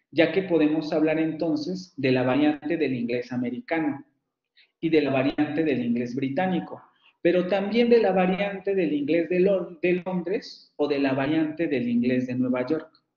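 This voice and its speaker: A man's voice: fairly high pitch, measured pace. A man giving an online university lecture, explaining step by step and often checking that his students follow. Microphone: computer mic on video call. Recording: echoey, dull lo-fi call audio.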